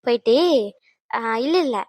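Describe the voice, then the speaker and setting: A woman voicing a quick-tempered young wife who scolds her husband with sharp retorts. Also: fairly high pitch, no room sound. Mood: scolding.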